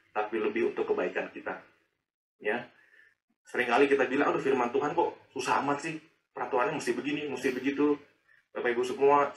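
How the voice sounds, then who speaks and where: A man, preaching a sermon in a lively, chatty way full of rhetorical questions. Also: mid-range voice. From Indonesia. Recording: echoey and distant.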